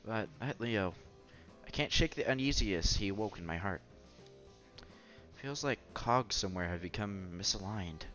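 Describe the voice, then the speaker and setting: Reading a visual novel as a let's play narrator, this man delivers the story at normal speed and drops in wry remarks between passages. His voice is on the low side, animated and a bit bright. The audio is slightly dull, and music can be heard in the background.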